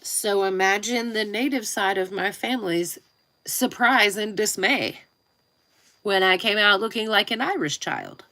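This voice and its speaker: A woman's voice: mid-range voice, lively intonation, unhurried, pushed and bright, rough recording. A woman with a nasal, congested voice, chatting informally and in a rambling way as she hosts a casual live stream. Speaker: live streamer and YouTube creator.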